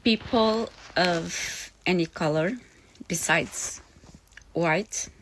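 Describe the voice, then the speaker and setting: A woman from Portugal, a lawyer speaking to camera in an earnest, halting way. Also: fairly low pitch, fairly bright tone, a little hiss or hum, low-quality recording. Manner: earnest, halting, with frequent pauses. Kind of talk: direct-to-camera warning video.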